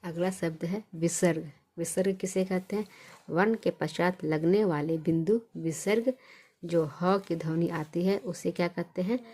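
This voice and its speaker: A woman teaching a basic reading lesson, asking questions and answering them herself, repeating each sound slowly. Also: on the low side, dark tone, slightly rough.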